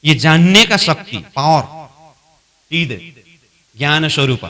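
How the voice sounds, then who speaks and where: A man's voice: on the high side, animated, takes it slowly. A man leading a spiritual training class, repeating his points, asking the class questions and acting out both sides of an argument. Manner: acts out both sides of a dialogue, louder as it escalates.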